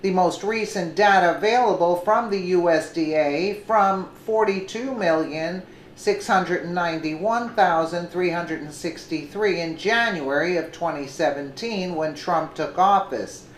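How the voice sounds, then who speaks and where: Slow, deliberate woman reading commentary in an echoey room. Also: on the low side, a little hiss or hum. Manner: slow, deliberate reading with an occasional self-correction. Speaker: news commentary host. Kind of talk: read news commentary.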